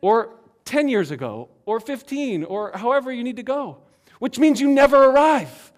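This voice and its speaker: A man preaching high-voiced, earnest pastor. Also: expressive, normal speed. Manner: earnest, emphatic preaching with swings between loud and hushed. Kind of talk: sermon.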